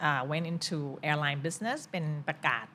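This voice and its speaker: Woman in her sixties from Thailand, retired teacher, expressive and teacherly in a casual interview. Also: deep voice, slow pace, a little hiss or hum. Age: 60s. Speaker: retired English teacher, guest.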